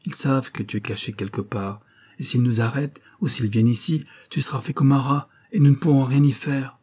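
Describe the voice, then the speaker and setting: A man's voice: mid-range voice, fairly even intonation, a little fast, a little mellow, husky. A man playing a worried, earnest doctor. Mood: grave. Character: worried middle-aged doctor, husband.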